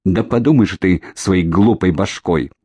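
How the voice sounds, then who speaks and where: A man reading an audiobook, voicing an angry, shrill female agent who curses and gives orders. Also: measured pace, a little mellow, slightly rough. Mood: furious. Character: furious cornered female agent.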